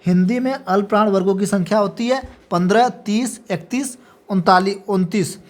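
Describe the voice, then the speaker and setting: Here a woman teacher, medium in pitch, a little mellow and at a moderate pace, reads exam questions aloud along with their multiple-choice options. She checks each answer briefly, saying "ठीक है" each time, in what is an exam practice lecture.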